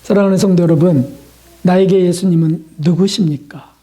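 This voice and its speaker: A man's voice: sits high, steady tone, normal speed, warm tone, breathy edge. A male pastor giving a sermon in a conversational way, asking rhetorical questions and acting out short prayers and dialogues.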